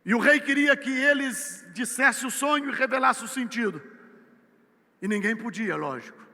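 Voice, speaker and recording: A Brazilian man with a Brazilian Portuguese accent preaching a sermon, swinging from loud emphatic peaks to low, quiet asides. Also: normal speed. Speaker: missionary preacher. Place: church. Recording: church hall with long reverb.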